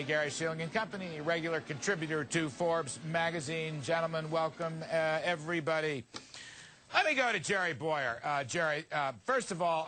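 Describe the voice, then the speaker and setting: A male cable news host leads a market discussion with his guests. His voice is animated and swings widely in pitch, and he presses his points with emphasis. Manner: emphatic, lively questioning. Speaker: show host.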